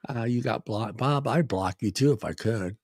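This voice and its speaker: A man's voice: mid-range voice, moderate pace, a little mellow, dry recording. A man co-hosting a casual talk show, teasing the others and laughing often. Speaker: podcast co-host. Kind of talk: casual chat.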